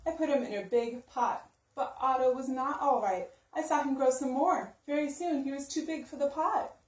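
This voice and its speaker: This woman reads a children's storybook at a normal speed in a high-pitched voice. She's an expressive story-time narrator whose phrasing is simple and emphatic for young listeners. The recording sounds roomy, with the mic far away.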